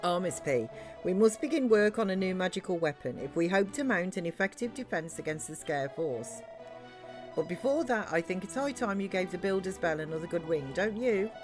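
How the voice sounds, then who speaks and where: A woman's voice: lowish voice, lively intonation, fairly quick, over music, natural voice. A woman voicing an earnest, formal soldier and builder in game dialogue read aloud. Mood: encouraging. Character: earnest, formal soldier-builder questioning beliefs and rallying allies.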